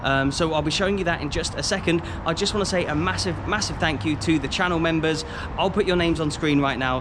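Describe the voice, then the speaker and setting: A man's voice: fairly high pitch, noisy background. Chatty young man vlogging on football. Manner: chatty, rambling with fillers. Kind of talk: casual vlog talk to camera.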